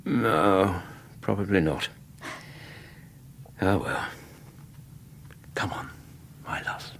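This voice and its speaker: An actor playing a loyal, warm-hearted Victorian gentleman doctor with an English accent and a husky voice, in a radio drama. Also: sits low, very slow, slight background noise, exaggerated voice. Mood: tired, affectionate. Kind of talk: radio drama acting and narration.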